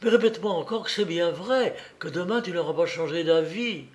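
A man's voice: a little high, fairly quick, voice pushed up, lightly acted. A man doing an anxious, doting mother. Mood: overjoyed. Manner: pleading, timid, then overjoyed. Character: anxious, tender middle-aged mother.

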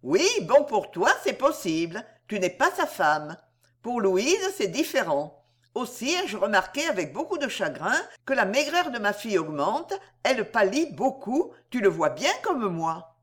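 A woman reading the part of an older countess and worried mother in a story, brisk and reproachful. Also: medium pitch, very animated, husky.

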